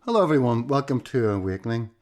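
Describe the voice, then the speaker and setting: A man hosts a podcast in a relaxed, teasing manner. His voice is dark and mellow, and his intonation rises and falls a lot. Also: medium pitch, fast talker, soft background music. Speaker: podcast host. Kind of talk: casual podcast chat.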